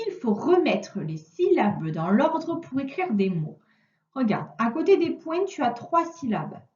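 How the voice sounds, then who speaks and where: A woman teacher giving a recorded reading lesson, speaking clearly and patiently to a single child. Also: sits high, a little mellow. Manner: slow, clear, patient instruction addressed to one child. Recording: echoey distant lo-fi room recording.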